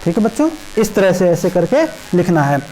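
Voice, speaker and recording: Slow-explaining woman math teacher. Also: on the low side, sing-song, dark tone, soft background music, poor audio. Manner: slow, repetitive explaining with frequent "ठीक है" checks. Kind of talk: class 5 math lesson in Hindi with English number words.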